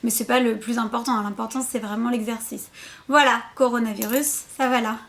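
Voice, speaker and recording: A woman, a preschool teacher, patiently explaining a syllable game to parents, repeating words and sounding out syllables slowly. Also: a little high, fairly even intonation, fairly bright tone.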